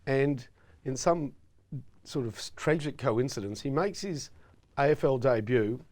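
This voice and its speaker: A man's voice: mid-range voice, expressive, a little slow, a little mellow. Emphatic Australian man talking footy. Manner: opinionated, emphatic storyteller. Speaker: co-host. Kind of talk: casual sports chat.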